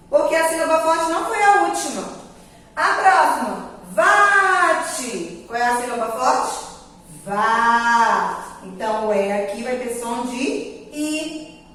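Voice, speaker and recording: A woman's voice: high voice, fairly bright tone. A woman with a Brazilian Portuguese accent teaching a grammar lesson to young children, stretching her words out in a sing-song way. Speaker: primary school teacher. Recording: echoey room, voice from a distance.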